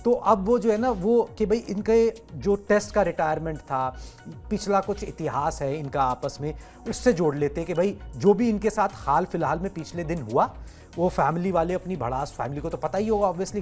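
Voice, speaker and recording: A man hosting a sports talk show, speaking in a conversational way with drawn-out filler pauses. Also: on the high side, darkish tone.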